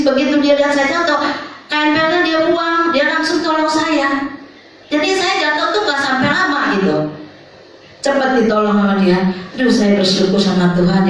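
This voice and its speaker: An older woman pastor, telling a testimony in a sermon and often turning to address the congregation. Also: sits high. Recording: very echoey hall, mic far off.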